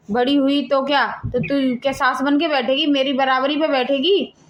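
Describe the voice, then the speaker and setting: A bossy mother-in-law, voiced by a woman hands out orders in a cartoon family drama. Her voice is fairly high and firmly scolding, and it comes through a slightly muffled lo-fi recording. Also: close to an everyday voice. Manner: commanding, scolding.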